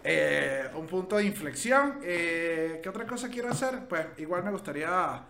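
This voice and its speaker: A man's voice: a little high, lively intonation, moderate pace, vocal fry, sharp tone, reverberant. A man co-hosting a podcast, teasing and scolding his friend in casual chat, often repeating his words. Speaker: podcast co-host.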